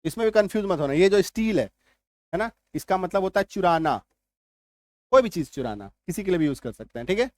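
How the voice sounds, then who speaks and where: A man's voice: high voice, very animated, a little fast, no room sound. Repetitive, reassuring male English teacher. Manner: repetitive, reassuring, keeps checking understanding. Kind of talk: spoken lesson explaining spelling rules.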